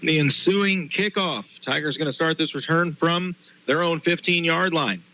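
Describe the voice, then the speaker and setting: A man gives live play-by-play football commentary as the game's announcer. His voice sits a little high and is bright and forceful. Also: normal speed, rough recording.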